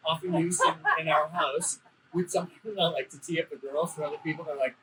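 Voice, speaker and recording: A man's voice: fairly high pitch, steady tone, brisk, heavy background noise. A middle-aged man talking as a guest inside a car, earnest and repeating words as he thinks. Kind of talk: casual chat.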